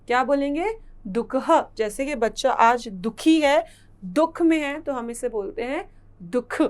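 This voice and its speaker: A woman gives a children's Hindi lesson. Her voice sits a little high and her pace is very slow. She says every sound clearly and repeats it patiently for young learners. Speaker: teacher.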